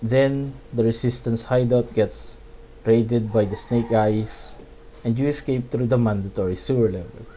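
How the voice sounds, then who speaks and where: A man talking through a game review at an unhurried pace, his voice soft and mellow. He drops in dry, sarcastic asides. The recording is dull and lo-fi, with a faint hiss behind him. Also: mid-range voice. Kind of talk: video essay commentary.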